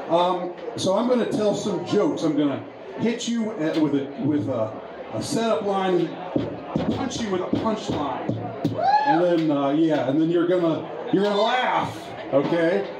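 A man doing a stand-up set in a bar, talking in a halting, rambling way with many restarts. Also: fairly high pitch. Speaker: stand-up comedian. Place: bar with a pool hall. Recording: echoey bar with crowd behind.

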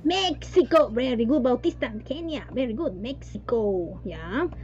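High-voiced woman teaching online. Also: animated, takes it slowly, a little mellow. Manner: mixes Spanish and English, repeats "yes" and "¿no?". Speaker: English teacher. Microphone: video call. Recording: dull lo-fi online call audio with faint hum.

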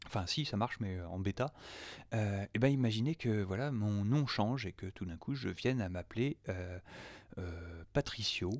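A man's voice: lowish voice, normal speed, no echo, clean studio sound. A man from France, an audio producer, casually testing an app on screen, chatty with lots of fillers and muttered asides. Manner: chatty, many "euh" fillers, mutters asides half under his breath. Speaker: audio producer demoing software. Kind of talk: casual screen-recorded software test.

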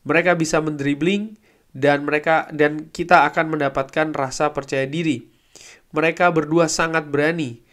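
A man's voice: fairly high pitch, steady tone, moderate pace, fairly bright tone. A man, hosting a casual football review at a desk mic in a small room at home, talking conversationally with many fillers. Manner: conversational, filler-heavy, paraphrasing quotes. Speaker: football channel host. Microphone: desk microphone.

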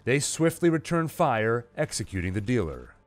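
Over a bed of dramatic music and sound effects, a man recaps a scripted, dramatized story in host style. His medium-pitched voice swings widely in pitch at a moderate pace, and he acts out the dialogue he quotes.

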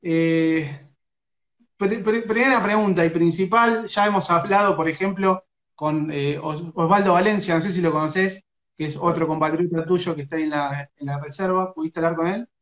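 A man with an Argentine Rioplatense accent and a fairly high, fairly bright voice interviews a young footballer over a phone live stream as a sports radio interviewer, speaking at normal speed. He's hesitant, stopping and restarting with many fillers. Captured on a phone's front camera in a small indoor room, the audio sounds roomy and muffled.

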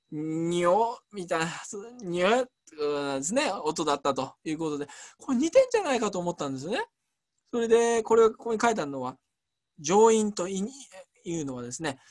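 A lecturer explaining at a relaxed pace, chatty, with many fillers and emphatic asides. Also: medium pitch. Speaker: lecturer on Chinese culture.

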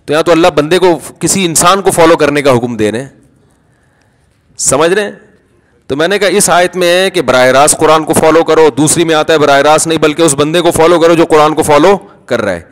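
Man preaching in a reverberant hall. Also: fairly high pitch. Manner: explanatory, conversational, answers then argues with examples. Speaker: cleric answering questions. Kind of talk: Friday sermon, question and answer. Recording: long reverb of a large hall.

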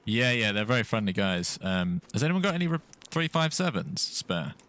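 A man chatting casually with friends while playing a game online, quick to shout warnings and laugh. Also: on the low side, animated. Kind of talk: casual gameplay chat.

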